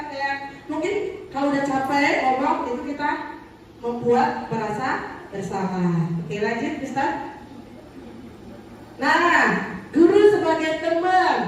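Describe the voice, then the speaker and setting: A woman teacher giving a casual workshop presentation to colleagues in a chatty way, often acting out phrases a teacher might say. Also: high-pitched. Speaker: teacher leading a staff workshop. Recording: echoey room, distant mic, faint noise.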